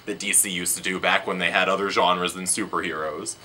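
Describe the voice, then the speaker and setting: A man co-hosting a comic book show, pitching new releases in a playful, upbeat, casual way. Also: fairly even intonation, a little fast, pushed and bright, a little hiss or hum. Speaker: comic shop show co-host.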